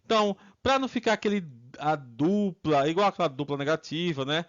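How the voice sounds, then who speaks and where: A Brazilian man with a Brazilian Portuguese accent teaching English grammar, drilling students with repeated prompts and modeling phrases slowly. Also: fairly high pitch, lo-fi sound. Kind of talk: online English lesson.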